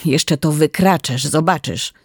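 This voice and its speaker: Narrator doing a sullen, sour husband in a storybook, gravelly edge, dry close sound. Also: mid-range voice, normal speed, darkish tone, no echo, close to an everyday voice. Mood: sour, pressing. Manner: sour, gloomy muttering. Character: grumpy middle-aged male official, husband.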